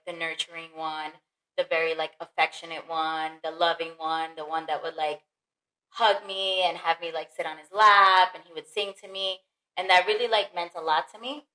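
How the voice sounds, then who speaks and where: A woman talking in a warm, earnest, reflective way on a family podcast. Her voice sits a little low and sounds bright and forward. The room behind her rings with a noticeable echo. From the Bronx, New York. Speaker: mother and podcast guest. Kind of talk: casual family podcast chat. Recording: roomy echo.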